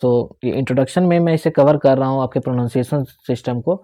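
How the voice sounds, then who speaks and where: Speaking fast in a dark, medium-pitched voice with no room sound, a young man teaches English pronunciation, mostly in Hindi with some English. His explanations go step by step, he repeats key words, and he checks in with his students using "theek hai".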